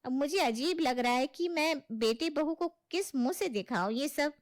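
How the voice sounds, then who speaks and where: A woman's voice: sits high, animated, normal speed. A woman voicing an affectionate elderly mother figure in a cartoon story. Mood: gentle.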